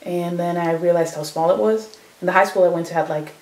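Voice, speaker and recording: A woman's voice: lowish voice, fairly even intonation, brisk, darkish tone, reverberant, poor audio. A young woman from Chicago telling her story in a casual oral history interview, full of fillers and quoted dialogue. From Chicago, United States.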